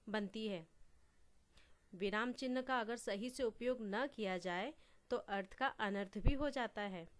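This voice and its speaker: Woman, teacher, grammar lesson, slightly high voice, slow deliberate explaining, repeats examples. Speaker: Hindi teacher.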